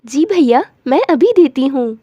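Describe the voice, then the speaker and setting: A soft, devoted young wife from a cartoon story, voiced by a woman. Her voice is fairly high and mellow, and she speaks agreeably. The recording is dry and close. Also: expressive, a little slow, no echo, highs cut off. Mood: gentle.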